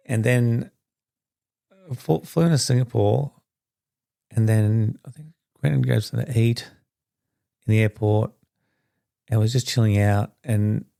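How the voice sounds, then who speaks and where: Gravelly, low-voiced man rambling. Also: a little mellow, no room sound, studio quality. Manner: rambling, chatty, often restarts mid-sentence. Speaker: podcast host. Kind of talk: casual storytelling monologue.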